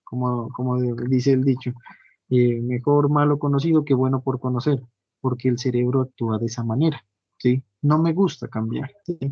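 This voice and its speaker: A man's voice: medium pitch, a little mellow, no room sound. Lecturing man on a dull video call. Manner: frequent checking tags like "¿sí?". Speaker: university lecturer. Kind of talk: online class lecture. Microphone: computer mic on a video call. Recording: dull lo-fi online call audio, dry.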